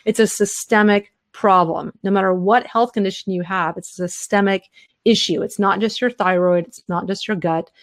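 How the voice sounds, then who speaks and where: Hosting a live health webinar, a tired woman who is losing her voice answers listener questions at length. She talks fast in long run-on answers packed with fillers, her mid-range voice keeping a fairly even intonation. The recording is dry.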